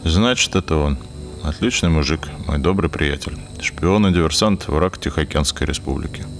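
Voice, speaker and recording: An actor playing a weary, cynical and gruffly loyal naval officer in a naturalistic drama. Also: male voice, a bass voice, normal speed, faint music behind. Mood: resigned, wry.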